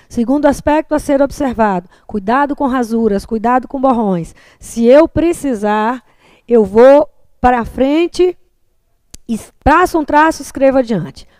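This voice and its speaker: A woman's voice: a little high, a little mellow, dry recording. A woman teacher with a Brazilian Portuguese accent, patiently explaining handwriting and margins in a classroom lecture and checking in often.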